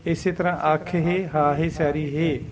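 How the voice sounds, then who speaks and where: Punjabi-accented male teacher, very slow and careful, recites lines then explains them, group audible behind. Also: fairly high pitch, level tone, crowd noise. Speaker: Gurbani teacher. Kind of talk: scripture pronunciation lesson.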